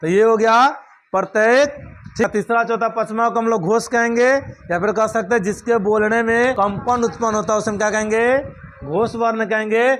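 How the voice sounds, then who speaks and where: Teacher, male, high-pitched voice, drills grammar with repeated rhetorical questions. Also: steady tone, normal speed, a bit bright, slight background noise. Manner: repeats points and asks rhetorical check questions. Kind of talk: classroom grammar lesson.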